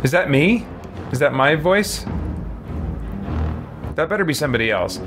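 Over music and faint game ambience, a game streamer in a small home room talks at normal speed in a voice on the high side. His live commentary is casual, rambling and animated, the chatter of a fan.

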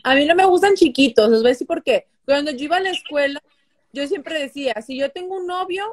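A woman in her twenties with a high voice, talking through a phone video call from home. She chats easily and teases as she tells a story, quick to laugh at herself. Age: 20s. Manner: chatty, teasing storyteller. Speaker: co-host, host's partner. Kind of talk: casual chat. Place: indoors at home.

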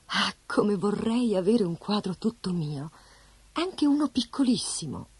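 A woman's voice: medium pitch, very animated, measured pace, background noise. A woman storyteller voicing a little dreamy girl who speaks with wistful longing.

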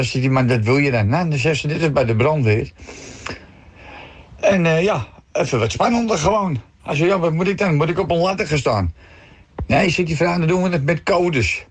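A middle-aged man with a Dutch accent tells jokes on the radio in a lively storytelling manner. His voice sits a little high, and he slips into different voices for the characters in his jokes. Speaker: joke teller on radio show.

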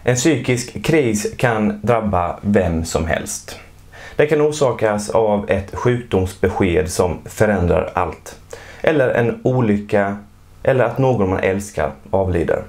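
A man giving calm, measured scripted narration for an educational explainer video. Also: fairly low pitch.

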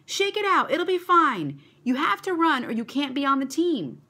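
A woman's voice: high-pitched, sing-song, moderate pace, sharp tone, pitched above the performer's own voice, full character voice. A woman voicing an eager, insistent schoolboy teammate in a storybook reading. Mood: urging. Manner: urging, insistent.

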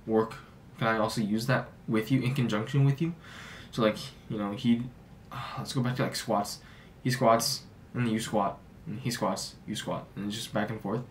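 A man's voice: mid-range voice, far from the mic, a little hiss or hum. Casual young man, slightly off-mic. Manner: relaxed, lots of "like" fillers. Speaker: fitness YouTuber. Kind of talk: casual talking-head advice. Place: small home office, indoors.

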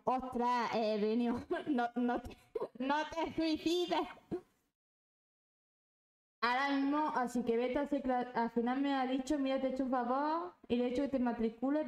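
A young woman rants on a casual live stream, swearing and fuming. Her voice sits a little high. The room around her is echoey. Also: fairly even intonation, a little fast, few pauses, a little mellow. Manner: angry ranting, swearing.

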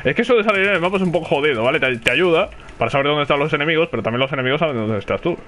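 A man's voice: on the high side, animated, rapid-fire, a bit bright, a little hiss or hum. A man with a Spanish accent from Spain, commenting live on his own gameplay, chatting and calling out to teammates. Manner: chatty, reacts aloud and calls to teammates. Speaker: gaming streamer.

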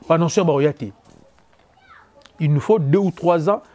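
A man's voice: on the high side, mellow. A man with a Congolese French accent giving an emphatic, repetitive opinion rant on local football, slipping back and forth between languages. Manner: emphatic, repetitive, rapid code-switching. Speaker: football commentator.

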